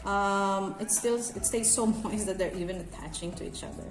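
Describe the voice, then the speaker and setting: A Filipino woman from Bacolod, a cake decorating instructor with a mid-range voice, explains a hands-on craft to viewers at a moderate pace. Her tone is conversational and instructive. The recording comes from an echoey indoor room with background music.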